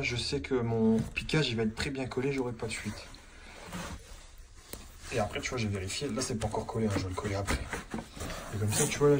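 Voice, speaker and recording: A man working as a plumber, explaining his job in a casual, informal way and constantly checking that the viewer is following along. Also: medium pitch. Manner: chatty and informal, keeps saying "tu vois" to the viewer. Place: indoor building site under renovation. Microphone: phone held in hand while working. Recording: noisy handheld phone recording on a work site.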